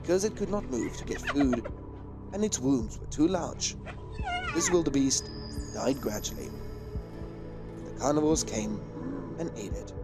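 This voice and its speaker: A man's voice: mid-range voice, animated, measured pace, long pauses, over music. A man reading scripted narration for a wildlife documentary.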